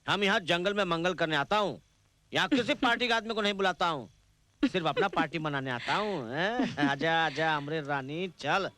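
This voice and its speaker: A man's voice: on the high side, expressive, moderate pace. An actor playing a crude, powerful male politician with a way of speaking, swaggering and commanding, in a film dub. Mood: leering. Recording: film soundtrack with loud score.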